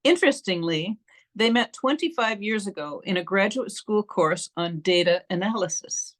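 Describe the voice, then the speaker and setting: A woman with a medium-pitched voice moderates an online event. She delivers prepared introductions and announcements to the participants. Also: animated, moderate pace. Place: online meeting.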